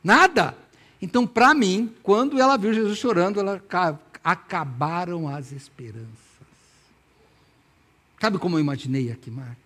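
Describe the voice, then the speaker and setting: Brazilian pastor in his sixties, high voice. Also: moderate pace. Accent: Brazilian Portuguese. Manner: lively storytelling, acting out imagined dialogue with humor. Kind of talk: sermon. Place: church, evening service.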